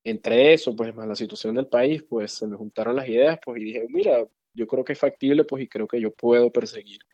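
A man in his thirties from Venezuela with a Venezuelan accent, a guest in an interview who talks in a relaxed, rambling way and keeps dropping fillers. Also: mid-range voice, brisk, no room sound, highs cut off. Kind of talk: conversational interview.

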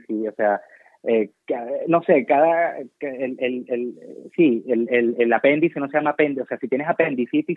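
A man's voice: mid-range voice, no echo. A man from Venezuela with a Venezuelan Spanish accent, chatting casually as a guest doctor in an interview, digressive and self-mocking. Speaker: guest doctor working abroad. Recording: tinny dry phone line.

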